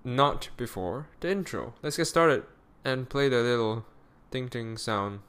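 A man's voice: medium pitch, unhurried, a bit bright, clean tone. Weary-voiced man rambling on his podcast. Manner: rambling, self-correcting, with frequent fillers. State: tired, weary voice. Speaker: podcast host. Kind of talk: solo podcast monologue.

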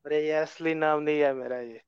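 A man's voice: on the high side, steady tone, moderate pace, smooth, dry recording. A male caller speaking hesitantly, his audio breaking up and cutting out over a call. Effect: choppy, breaking-up call audio. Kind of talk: casual call-in chat. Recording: lo-fi dull call line.

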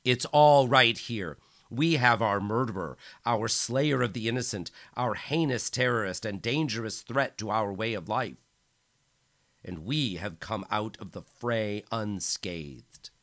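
A man voicing a cruel male tyrant who gives booming, theatrical speeches to a crowd, in an audiobook. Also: takes it slowly, no echo. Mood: bellowing.

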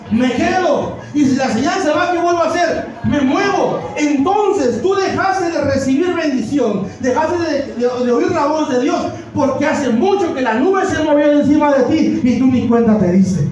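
A pastor preaches in a strikingly high voice, firing questions at the congregation and rising to shouts. His sermon rings through a very echoey church hall. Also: expressive, normal speed, hardly any pauses, far from the mic, music in the background. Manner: preaches with call-and-response questions, often shouting. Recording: heavy echo of a church hall.

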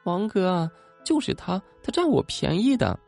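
A man's voice: high-pitched, big pitch swings, moderate pace, creaky, darkish tone, faint music behind, pitched above the performer's own voice, full character voice. A man voicing a scheming young woman who whines and plays pitiful, as part of a told story. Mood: whining.

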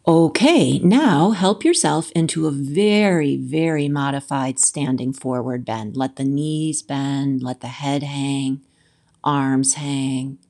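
A woman with a low-pitched voice teaches yoga and breathing. Her delivery is very slow and gentle. She gives measured, soothing instructions in short phrases with pauses between them.

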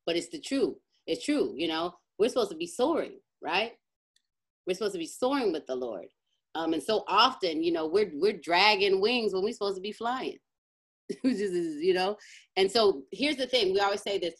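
A woman's voice: mid-range voice, animated, normal speed. A woman pastor leading an online teaching and prayer, emphatic and fervent, often checking in with her listeners. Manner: emphatic, keeps asking "right?", fervent in prayer. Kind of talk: informal teaching then spoken prayer.

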